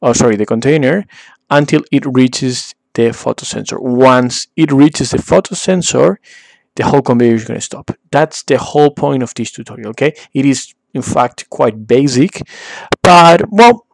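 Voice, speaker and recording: A man who learned as an explains a beginner exercise as he records his screen. His mid-range voice sits close and dry on a desk mic, and he keeps pausing with "uh" and asking "okay?" as he goes. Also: mid-range voice, vocal fry, no echo. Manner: frequent "okay?" check-ins and "uh" fillers. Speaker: tutorial instructor. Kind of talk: screen-recorded software tutorial.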